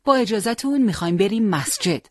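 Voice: medium pitch, animated, no echo, studio quality, voice pushed up, close to an everyday voice. A reader doing an eager young wounded fighter. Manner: impatient, determined.

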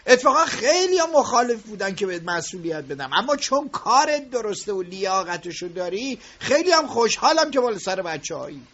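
A domineering middle-aged factory owner in a radio drama, speaking in a strikingly high, bright voice. He is quick-tempered and sarcastic with his workers. The recording sounds dull and lo-fi. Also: sing-song, exaggerated voice. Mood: reproachful. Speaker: factory boss. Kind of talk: audiobook radio drama acting.

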